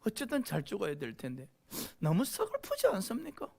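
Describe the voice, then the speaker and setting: In a brisk, medium-pitched voice that swoops wildly, with vocal fry and a darkish tone, a pastor preaches fervently. He often turns to the congregation with a rhetorical "eh?".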